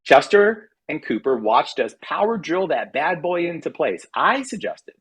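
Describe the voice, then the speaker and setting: A little high and sing-song, this man's fairly bright, breathy voice proceeds at a measured pace. He is an American writer from California reading his humorous personal essay aloud with wry, mock-dramatic flair.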